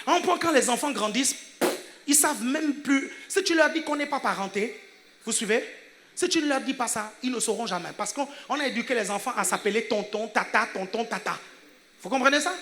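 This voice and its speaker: High, bright Gabonese pastor preaching. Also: male voice, brisk, a little hiss or hum. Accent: Gabonese French. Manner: emphatic, keeps checking that the congregation follows; laughs between phrases, swings from loud to hushed. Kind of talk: sermon.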